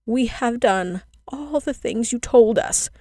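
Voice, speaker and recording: A woman's voice: mid-range voice, brisk, mellow, dry recording, clean studio sound, close to an everyday voice. A woman voicing two young children begging eagerly in a storybook reading.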